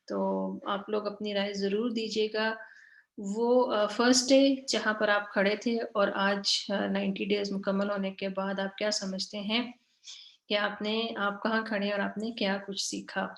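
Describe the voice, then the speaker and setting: A woman's voice: medium pitch, little pitch movement, vocal fry. Echoey, repetitive woman teacher. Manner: repeats points, frequent "theek hai" checks; slow, drawn-out reading of example words. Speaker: Quran grammar teacher. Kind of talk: online lesson explaining slides.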